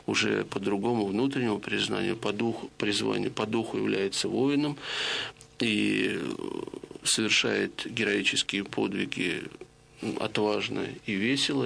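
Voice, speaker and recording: Speaking on the radio, a middle-aged lecturer offers listeners a reflective talk, measured and explanatory, often halting on hesitations. His voice is low and heavily gravelly yet forceful with a bright edge, and a faint hiss runs beneath it.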